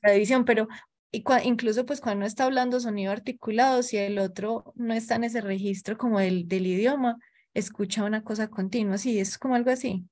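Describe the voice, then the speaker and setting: Woman, group participant; hesitant, word-searching, with a slightly raised pitch. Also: steady tone, brisk, darkish tone. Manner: tentative, searching for words, many restarts. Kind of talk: thinking aloud in discussion.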